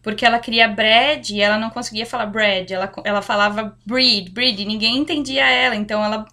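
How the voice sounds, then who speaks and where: Young Brazilian woman hosting a podcast; high voice; chatty, easygoing storyteller. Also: brisk. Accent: Brazilian Portuguese. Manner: chatty, relaxed personal storytelling. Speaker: podcast host. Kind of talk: casual chat.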